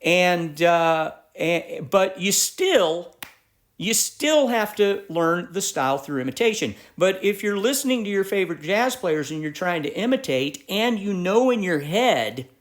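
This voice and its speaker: A middle-aged man gives an instructional music lesson, his voice sitting a little high for a man. He works through each point methodically, restarting phrases as he thinks aloud. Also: expressive, a little slow. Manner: methodical, explains step by step with frequent restarts. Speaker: music teacher.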